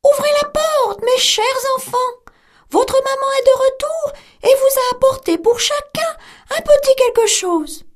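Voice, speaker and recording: A woman's voice: extremely high pitch, expressive, a little slow, pitched above the performer's own voice. A woman voicing a sly, hungry male wolf who coaxes and threatens. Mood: coaxing. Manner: coaxing, then threatening.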